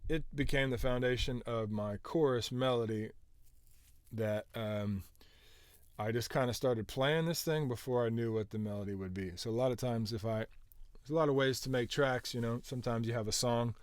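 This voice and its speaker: A man's voice: medium pitch, normal speed, clear, resonant tone, dry recording, clean studio sound. A man casually walking through how he produced a song, rambling with lots of filler words and restarts. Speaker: music producer.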